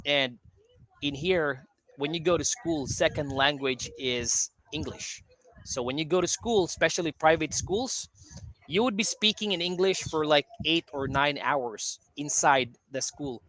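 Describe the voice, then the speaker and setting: A middle-aged man from the Philippines, teaching English on a video call. His voice sits a little high and sounds dry and close. He talks in a chatty, explaining way, often checking in with "right?". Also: measured pace, fairly bright tone, no echo. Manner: chatty, explains at length with frequent "you know" and "right?". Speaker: English tutor. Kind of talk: casual conversation lesson.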